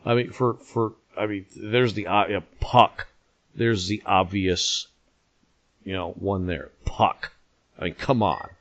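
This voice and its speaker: A man's voice: lowish voice, fairly even intonation, takes it slowly, a bit bright. A man co-hosting a podcast in casual, joking sports banter. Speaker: podcast co-host. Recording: dull lo-fi podcast audio.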